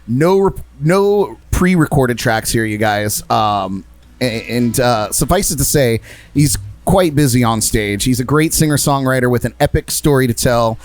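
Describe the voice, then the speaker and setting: A man hosting a live music podcast, upbeat and quick to laugh. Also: medium pitch, lively intonation, dry recording. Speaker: podcast host. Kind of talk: casual live show chat.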